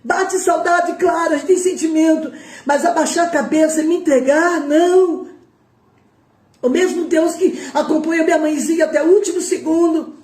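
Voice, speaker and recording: A middle-aged Brazilian woman preaching an emotional Pentecostal sermon, impassioned, shouting and tearful at times. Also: very high voice, fairly even intonation, moderate pace, roomy sound. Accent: Brazilian Portuguese.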